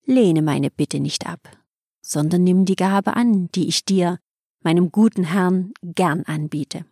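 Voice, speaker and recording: A woman's voice: on the low side, slow pace, mellow, breathy edge, no room sound, studio quality, full character voice. A woman reading the lines of a reverent, hospitable male hermit in solemn, formal speech. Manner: reverent, pleading address. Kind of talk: audiobook reading.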